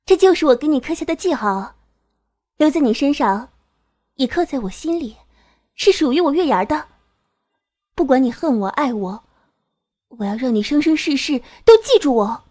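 A doting young girl, played by a woman in an audio drama, with a high, clear voice. She is clingy and teasing, sweetly demanding. The sound is dry and close to the mic. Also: expressive, moderate pace, pauses often, a little mellow, dry recording. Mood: tender. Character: 19-year-old girl, doting and possessive.

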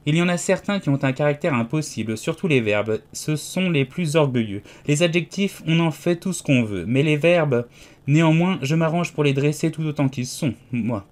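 A man's voice: a little high, animated, moderate pace, darkish tone, close to an everyday voice. A man reading an audiobook, voicing a pompous, condescending giant egg man who lectures haughtily. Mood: smug.

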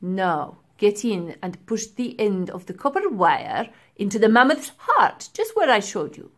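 A woman's voice: medium pitch, very animated, unhurried. Woman voicing a stern scolding old professor. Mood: stern impatient. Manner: sharp, commanding, belittling.

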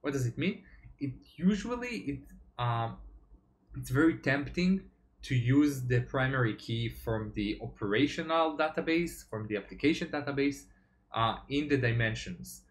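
A young man, a software developer, giving a tech talk over slides, explaining step by step with frequent fillers. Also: medium pitch, lively intonation, moderate pace.

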